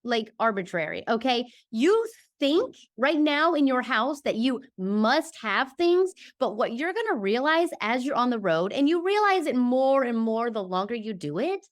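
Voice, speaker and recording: A woman with a high voice, a guest on a video call, explains her points in a lively, emphatic way. She keeps checking in with "okay?" as she talks, and her tone stays casual and chatty. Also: normal speed, few pauses. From Georgia, US. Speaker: podcast guest. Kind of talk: casual interview chat.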